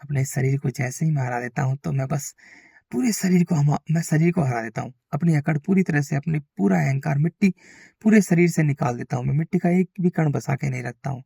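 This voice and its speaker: A man's voice: fairly high pitch, fairly quick, vocal fry, mellow, breathy edge, no room sound, studio quality. A man preaching a repetitive, exhorting spiritual monologue to his listeners.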